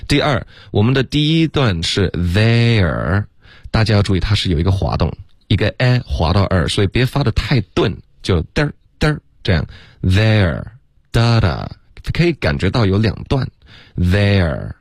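A man teaching English pronunciation on a radio lesson, explaining in Mandarin and slowly demonstrating English phrases syllable by syllable. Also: lowish voice, sing-song, no room sound, studio quality.

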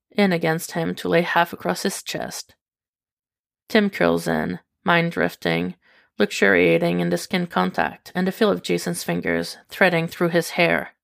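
A woman reading a fan story aloud in calm, intimate scripted narration. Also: lowish voice, creaky. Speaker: podfic reader.

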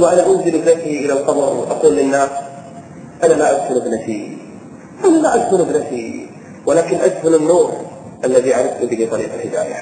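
Preacher, high-pitched voice, emotional sermon storytelling, recorded in an echoey hall with faint hiss. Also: male voice. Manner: emotional, swings from hushed to impassioned; chants verse and Quran slowly.

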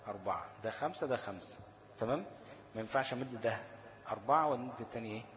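A man with an Egyptian Arabic accent teaching a tajweed lesson. He keeps asking rhetorical questions, answers them himself, and slows down to chant short recited examples. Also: medium pitch, fairly bright tone, in a large hall, low-quality recording.

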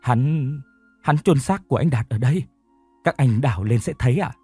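A man's voice: mid-range voice, lively intonation, moderate pace, a little mellow, husky, no echo, soft background music. A man voicing a remorseful, tearful young woman who speaks in a pleading, shaky way.

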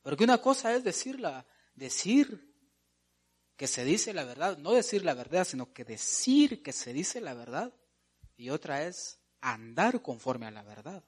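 A man preaching a sermon to his congregation, asking them questions and repeating words for stress, going from soft to loud. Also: on the high side, sing-song, a little slow, husky. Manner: calls the listeners "hermano" and asks them questions.

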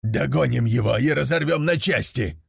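A fierce male wolf, as a man puts him on for a storybook, snarling in a deeply gravelly, hoarse and raspy growl. The voice sits at an ordinary male pitch, recorded close and dry with no room sound. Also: normal speed, no room sound. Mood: menacing. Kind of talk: storybook reading.

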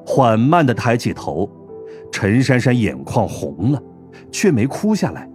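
A man narrating an audiobook in an expressive storytelling manner. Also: mid-range voice, measured pace, soft background music. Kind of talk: scripted narration.

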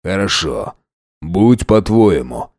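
A man reading an audiobook voices a jealous, menacing man who is a wolf shapeshifter, speaking slowly and growling threats. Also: low voice, sing-song, darkish tone, voice pushed down, full character voice. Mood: grim.

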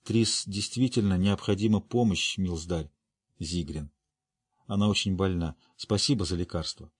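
A man's voice: low-pitched, moderate pace, breathy edge, dry recording, clean studio sound. A man reading the lines of a proud, stubborn young girl who speaks earnestly.

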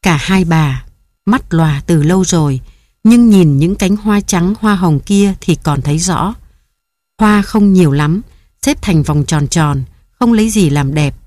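Low, warm-voiced woman narrating a story. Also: dry recording. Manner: measured, even storytelling, reads editor's notes aloud. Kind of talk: scripted audiobook narration.

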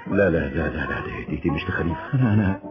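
Low voiced brooding egyptian writer, talks super fast, faint music. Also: male voice. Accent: Egyptian Arabic. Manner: brooding, intense. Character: troubled famous male writer, brooding and stubborn. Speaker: actor in a radio drama. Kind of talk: 1970s Egyptian radio drama acting. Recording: dull lo-fi radio recording with music.

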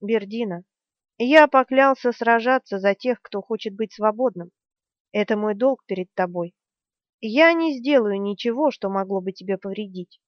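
A woman reading the part of a stubborn, calm young male hero in an audiobook, steady and earnest. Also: mid-range voice, normal speed, no room sound, lightly acted. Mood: earnest resolve. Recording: dry, slightly dull studio sound.

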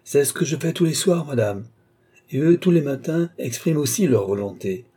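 A man's voice: mid-range voice, lively intonation, moderate pace, mellow, husky, voice pushed up. A man voicing a weary, mocking king with dry irony, in an audiobook reading. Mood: wry. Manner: mocking, wry.

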